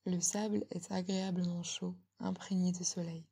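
A woman giving a slow, soothing guided relaxation in a breathy ASMR whisper, very close, as if right in the listener's ear. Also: lowish voice, flat delivery. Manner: slow, soothing, gently instructing.

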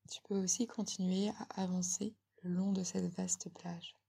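A woman giving a slow, soothing guided relaxation in a breathy ASMR whisper, very close, as if right in the listener's ear. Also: on the low side, flat delivery. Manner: slow, soothing, gently instructing.

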